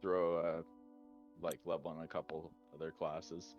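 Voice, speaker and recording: A man's voice: rumbling low, flat delivery, measured pace, a little mellow, highs cut off, soft background music. A man playing in a tabletop game, chatting in a laid-back, rambling way. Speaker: player. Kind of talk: casual gaming chat.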